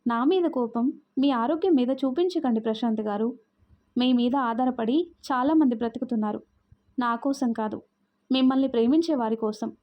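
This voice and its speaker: Woman voicing an orphaned young heroine, earnest, firm, somewhat high voice, audio story, muffled lo-fi sound. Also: normal speed, natural voice.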